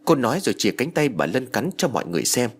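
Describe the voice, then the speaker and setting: A man narrating a ghost story from a script in an expressive, dramatic way. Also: mid-range voice, racing, slightly rough. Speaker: audiobook narrator. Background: background music.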